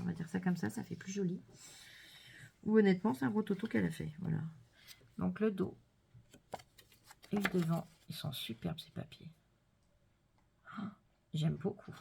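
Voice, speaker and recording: A woman vlogger chatting casually and gushing softly as she unboxes crafts, sometimes dropping to a whisper. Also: lowish voice, vocal fry, slightly rough. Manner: gushing, soft-spoken, drops to whispers. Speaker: scrapbooking vlogger.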